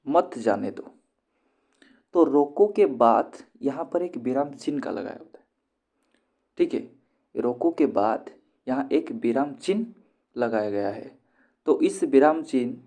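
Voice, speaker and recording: A man with an Indian accent teaching Hindi grammar to students, explaining slowly and repeating key terms. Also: a little high, dark tone.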